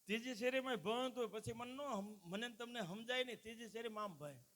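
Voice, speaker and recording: A man's voice: extremely high pitch, fast talker, fairly bright tone, slight background noise. A man, telling jokes and folk stories live to an audience and addressing the crowd as "saheb". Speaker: stand-up folk comedian at a dayro. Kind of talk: live comic storytelling to an audience.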